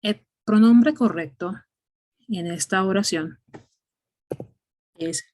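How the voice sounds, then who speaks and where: A woman's voice: medium pitch, slow pace, a little mellow. A woman teaching an English grammar class, explaining patiently step by step and often checking in with "ok?".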